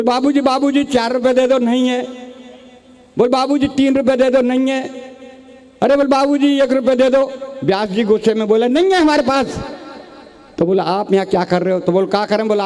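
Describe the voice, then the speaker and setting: Older male comic poet in his sixties, Rajasthani accent, anecdotal stage delivery, higher-pitched voice. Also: dark tone. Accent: Rajasthani Hindi. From Rajasthan, India. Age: 60s. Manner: anecdotal storytelling, acting out dialogue. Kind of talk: stage comic poetry recital.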